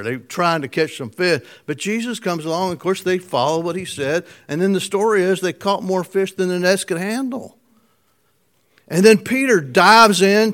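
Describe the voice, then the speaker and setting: A man preaching a sermon, telling stories with frequent chuckles and dropping from loud emphasis to a soft hush. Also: high voice.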